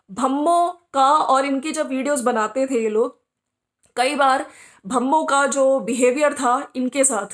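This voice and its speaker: A woman hosting a podcast who comments on social media gossip, scolding the people she talks about directly and asking them rhetorical questions. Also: sits high. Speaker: podcast host.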